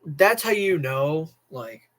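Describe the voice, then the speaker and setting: Speaking to his livestream chat, a young American man rants casually, emphatically, and profanely, repeating himself. His fairly high, slightly bright voice is very animated, though his pace is slow.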